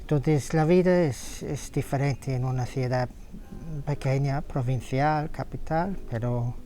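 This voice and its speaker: A man from Australia with an Australian accent, answering interview questions in halting second-language speech full of fillers and restarts. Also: mid-range voice, dark tone. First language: English. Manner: hesitant, many fillers and restarts. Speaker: interviewee, photographer.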